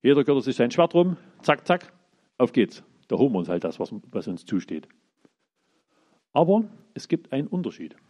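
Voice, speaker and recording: Animated preacher, mellow husky voice. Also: male voice, medium pitch, normal speed. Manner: lively, acts out the characters' lines in everyday speech. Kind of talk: informal sermon retelling Bible stories.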